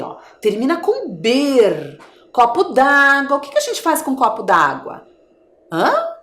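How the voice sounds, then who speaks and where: A woman's voice: fairly high pitch, fairly bright tone, reverberant. Sing-song woman teaching small children. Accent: Brazilian Portuguese. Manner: sing-song, coaxing, drawn-out words. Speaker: primary school teacher. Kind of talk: video lesson for young children.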